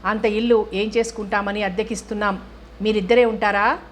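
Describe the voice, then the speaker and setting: A woman voicing a fussy older housewife who shouts into the phone as she talks up her house. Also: medium pitch, fairly even intonation, a little fast, slight background noise, lightly acted. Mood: loud, eager.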